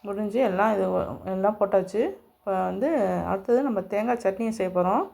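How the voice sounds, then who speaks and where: Fast-talking woman demonstrating a home recipe. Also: medium pitch, fairly even intonation, creaky, dark tone. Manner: homely step-by-step instructions, speaking to viewers directly. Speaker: cooking channel host.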